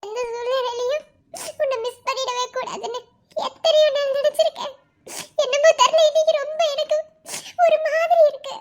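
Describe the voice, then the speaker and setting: A woman's voice: very high voice, steady tone, moderate pace, muffled recording. A woman voicing a young cartoon wife who clings to her husband, pleading and sobbing through her words. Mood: tearful pleading. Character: young wife, tearful and clingy, fearing loss. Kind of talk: animated cartoon voice acting.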